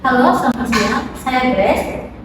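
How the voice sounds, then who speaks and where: Young woman acting a high-voiced customer, very echoey. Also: measured pace. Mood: civil, concerned. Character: civil female café-owner customer making a complaint. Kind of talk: amateur business role-play. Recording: very echoey room, distant mic, noisy.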